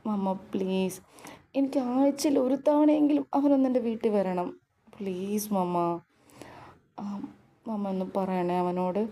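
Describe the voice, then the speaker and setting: A woman's voice: medium pitch, highs cut off, close to an everyday voice. A woman voicing a young wife who pleads in a babyish, coaxing way.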